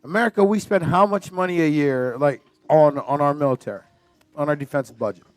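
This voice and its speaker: A man talking on a casual panel show, emphatic and quick to restart his phrases. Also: a little high, no echo.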